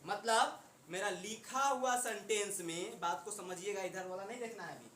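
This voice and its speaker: A man's voice: high voice, normal speed, a bit bright. A man teaches a coaching-class lesson in a chatty way, firing off rhetorical questions at his students. His voice rings around a roomy classroom, and a faint hiss sits underneath it. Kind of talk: classroom lecture.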